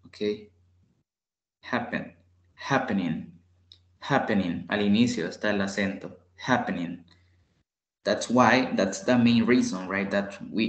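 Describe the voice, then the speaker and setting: A man giving a patient bilingual grammar lesson as an English tutor, repeating example words slowly. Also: fairly low pitch, echoey room, muffled recording.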